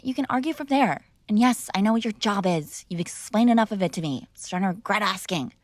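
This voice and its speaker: Playing the spoiled, defiant daughter of a mob boss, a woman talks fast in a medium-pitched, natural voice for a conversational ASMR girlfriend roleplay. She's firm and bargaining, arguing, coaxing, and sighing through the one-sided scene. The recording is dry.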